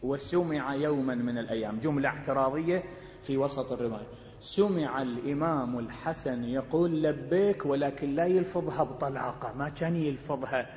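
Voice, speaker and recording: A male preacher with an Iraqi Arabic accent giving an impassioned sermon, swinging from hushed low passages to loud urging. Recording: echoey hall, dull lo-fi sound.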